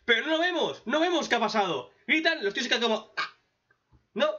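A man's voice: extremely high pitch, lively intonation, fast, bright, forceful tone, recorded from a distance, muffled recording. A man with a Spain Spanish accent hosting a reaction video, ranting sarcastically with lots of swearing. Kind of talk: casual profane commentary.

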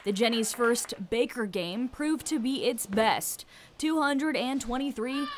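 A woman reads a scripted sports recap in a slightly high voice and an even tone. A clear wash of arena noise sits behind her. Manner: even, reads scores and results. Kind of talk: scripted narration.

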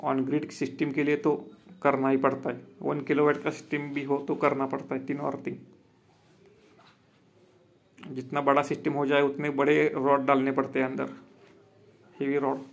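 Gravelly and monotone, his mid-range voice moves at a moderate pace as he walks viewers through work on an outdoor rooftop. He's a solar installer and business owner from Maharashtra, India, filming on a handheld phone. The delivery is plain and repetitive, with viewers addressed as friends.

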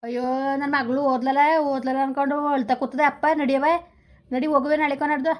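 A woman's voice: high-pitched, little pitch movement, fast, lightly acted. A woman playing a worried village mother who coaxes and scolds her daughter. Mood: coaxing. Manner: coaxing, reproachful. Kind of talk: village comedy skit.

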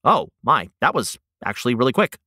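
A man telling a children's story in an upbeat, encouraging way. His pitch moves in big, lively swings, and the sound is close and dry. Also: brisk, dry recording. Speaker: storyteller and host.

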